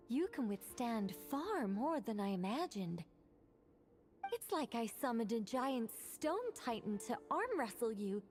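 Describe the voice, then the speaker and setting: A high-voiced, courteous young mage. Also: female voice, a little mellow. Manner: measured, polite, instructing. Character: composed, formal young woman mage examiner, courteous, confident. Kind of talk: English video game voice acting.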